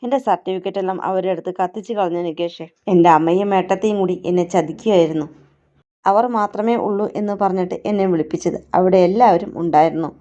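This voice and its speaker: A woman's voice: lowish voice, fast talker, warm tone, lightly acted. A woman voicing a defiant young woman who feels betrayed by her family, emotional and reproachful, on a dull lo-fi recording. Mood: hurt.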